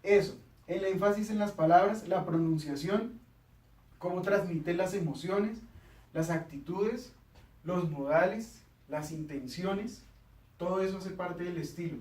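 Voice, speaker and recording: A man's voice: sits high, a little slow, a little mellow, echoey room, far from the mic, rough recording. A man hosting a casual studio chat, explaining communication tips and acting out little quoted exchanges.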